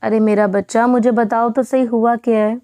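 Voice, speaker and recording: Woman reading a coaxing older husband, fond and teasing, voice a bit high. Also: level tone, mellow, natural voice. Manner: affectionate, coaxing.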